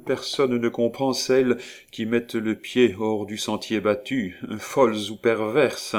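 A man's voice: on the low side, fairly even intonation, measured pace, lightly acted. A man doing a haughty, proud noblewoman. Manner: haughty, impassioned. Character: proud defiant young noblewoman.

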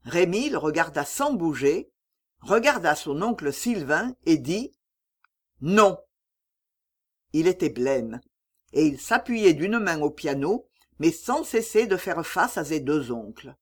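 An audiobook narrator reading a literary story aloud in an expressive storytelling manner. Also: mid-range voice, measured pace, breathy edge.

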